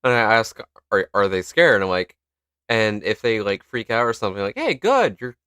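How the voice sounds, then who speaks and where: A young man co-hosting a casual podcast chat, swearing freely and laughing loudly. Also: on the low side, fairly even intonation, a little fast, clean tone, no room sound, clean studio sound. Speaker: podcast co-host.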